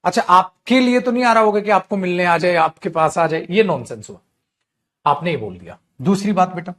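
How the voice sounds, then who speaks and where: A man's voice: high voice, animated, a little fast, fairly bright tone. A man teaching an English grammar class online, scolding and teasing his students as he explains.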